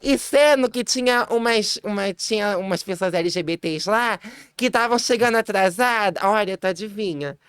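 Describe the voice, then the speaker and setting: A woman chats as a podcast guest and tells her story with lively, laughing energy. She restarts her sentences quickly and jumps into a high voice whenever she quotes someone. Her voice is smooth, and the sound is dry and close with no room in it. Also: dry recording. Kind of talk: casual storytelling chat.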